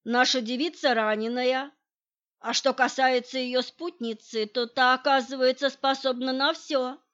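A woman's voice: sits high, steady tone, a little slow, fairly bright tone, muffled recording. A woman reading the lines of an insistent man who reproaches his partner for hiding information. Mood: probing. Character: pushy man demanding shared information.

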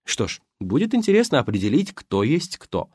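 A man narrating an audiobook with expressive storytelling. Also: medium pitch, normal speed, husky, no room sound, clean studio sound.

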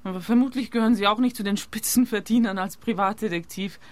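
A woman's voice: medium pitch, fast, no room sound, close to an everyday voice. A cool young female suspect from a radio crime drama, played by an actress. She has a mid-range voice and answers bluntly and flippantly, never rattled. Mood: cynical.

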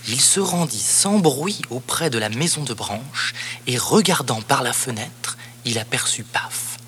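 A man narrating a children's storybook cassette in a lively, expressive read-aloud voice. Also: mid-range voice, unhurried, a little hiss or hum. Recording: cassette narration over background music.

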